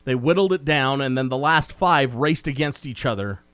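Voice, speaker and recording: A man's voice: mid-range voice, moderate pace, fairly bright tone, clean tone, dry recording. A man co-hosting a casual film review chat, recapping the plot in a meandering, talkative way. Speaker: movie review co-host.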